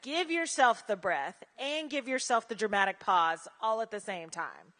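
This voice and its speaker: Animated bright-voiced woman coaching. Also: a little high, normal speed, in a large hall. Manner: animated, direct, uses slang. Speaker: pitch coach. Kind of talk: coaching feedback at a rehearsal.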